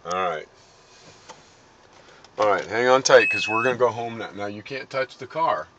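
Low-voiced man coaxing, with car noise. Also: lively intonation, moderate pace. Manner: coaxing, questioning, repeats simple instructions. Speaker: caregiver driving a patient home. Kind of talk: casual chat. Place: inside a car. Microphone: handheld phone. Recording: phone video with clear vehicle noise.

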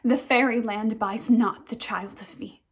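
A woman's voice: on the high side, steady tone, unhurried, natural voice. A young woman playing a proud, tender fairy queen in a classical theatre monologue, poised, wistful and resolute. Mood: wistful, fond. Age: young adult.

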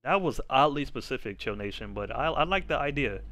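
A man's voice: mid-range voice, expressive, a little fast. Casual young male streamer. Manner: loose, joking, reacts loudly to the game. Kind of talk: casual live-stream commentary while gaming.

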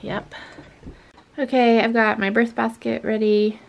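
A woman's voice: on the high side, flat delivery, unhurried, vocal fry. A woman in her thirties vlogging casually, often dropping to a whisper while filming in a barn at night. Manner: soft-spoken, often whispering. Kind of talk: casual vlog narration. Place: wooden barn at night and farmhouse kitchen.

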